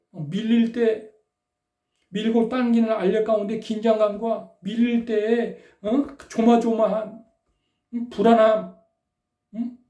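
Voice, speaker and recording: Woman preacher, mellow tone, rhetorical and prodding, roomy church sound off-mic. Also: fairly high pitch. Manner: rhetorical, prodding listeners with tag questions. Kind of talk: sermon. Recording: roomy echo, distant from the mic.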